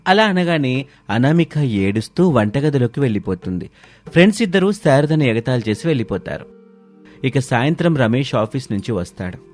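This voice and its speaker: A man narrating a scripted cartoon story in a steady storytelling manner. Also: mid-range voice, normal speed, soft background music. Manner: even, storytelling delivery.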